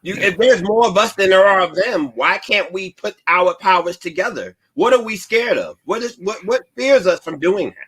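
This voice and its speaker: A man's voice: high voice, animated, moderate pace, few pauses, fairly bright tone, slightly rough. A man hosting a radio talk show, talking in an earnest, searching way with frequent restarts. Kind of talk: casual radio discussion.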